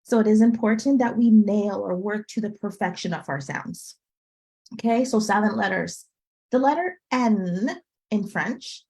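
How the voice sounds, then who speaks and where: A woman's voice: medium pitch, mellow, poor audio. A woman tutor teaching a live online class to parents, upbeat and teacherly, often checking in with "okay?", heard through a video call. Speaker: French tutor.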